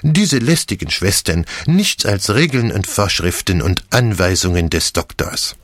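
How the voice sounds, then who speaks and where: Brief: a vain clever detective with a French accent, lively and exacting, recorded dry and close. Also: male voice, fairly low pitch, measured pace, no room sound. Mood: smug lively. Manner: precise, lively, theatrical, French interjections. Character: fussy clever Belgian male detective, middle-aged. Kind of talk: audiobook character reading.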